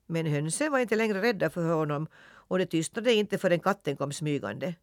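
A man narrating a classic children's story for radio in a lively, expressive reading. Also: fairly high pitch, dry recording, clean studio sound.

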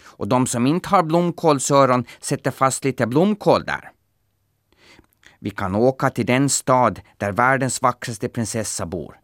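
A man's voice: mid-range voice, no room sound, clean studio sound, pitched above the performer's own voice, natural voice. A man voicing a helpful talking wolf in a storybook, patiently explaining things.

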